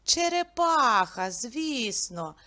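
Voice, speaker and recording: A woman teaching a literacy lesson to small children, reciting riddles and slowly splitting words into syllables. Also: fairly high pitch, very animated, bright, forceful tone. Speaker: preschool teacher.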